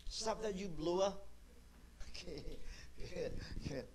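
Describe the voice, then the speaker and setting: A middle-aged man with a notably high voice leads a children's Bible class. He asks the same question again and again, coaxing the children to answer, in heavily accented non-native English. He talks slowly and takes his time. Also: animated, darkish tone, a little hiss or hum.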